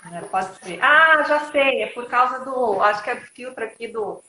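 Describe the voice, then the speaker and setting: A woman's voice: fairly high pitch, normal speed, roomy sound, slight background noise, low-quality recording. A woman from Brazil, a travel journalist, chatting casually as a guest on a live stream from her phone. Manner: chatty and lively, addresses followers.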